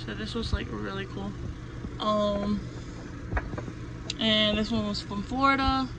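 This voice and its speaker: Speaking slowly at a medium pitch, a young woman shows off the inside of her camper in a loose, rambling show-and-tell. Steady background noise runs under this noisy handheld recording.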